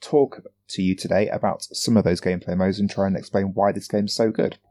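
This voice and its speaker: Podcast co-host, male, deep voice, chatty and explanatory. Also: steady tone, brisk, warm tone. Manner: chatty, explains games at length. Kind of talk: casual podcast chat.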